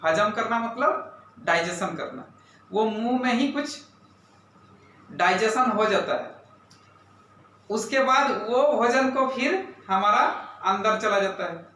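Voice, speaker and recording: A man's voice: sits high, animated, slow pace, pauses often, pushed and bright, slight background noise. A man teaching a classroom science lesson, quizzing his pupils and repeating key terms. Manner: asks pupils questions, repeats terms, says "right?" often. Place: classroom, indoors. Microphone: camera far off in the room. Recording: very echoey room, voice from far off.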